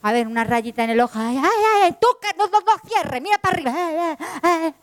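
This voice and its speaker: A woman's voice: high voice, expressive, a little fast, no echo, pitched above the performer's own voice. A woman doing a brash, slangy female Lie. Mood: brash, bossy. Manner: blunt slangy bossing, calls others "tía". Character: brash, slangy, bossy female Lie, showy and street-wise.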